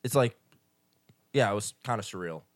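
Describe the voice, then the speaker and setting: A man's voice: fairly low pitch, expressive, normal speed, no echo. Slangy man on a podcast. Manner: slangy, joking, lots of "like". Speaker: podcast co-host. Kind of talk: casual chat.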